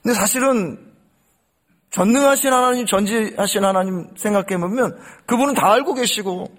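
A man's voice: sits high, moderate pace, a bit bright. A male pastor preaching an impassioned sermon and addressing the congregation directly.

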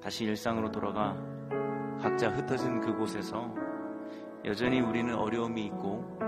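A man preaching a sermon as pastor, earnestly speaking straight to his congregation. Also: fairly low pitch. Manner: earnest, addresses the congregation directly. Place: church sanctuary. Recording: long reverb in a large hall, with faint music.

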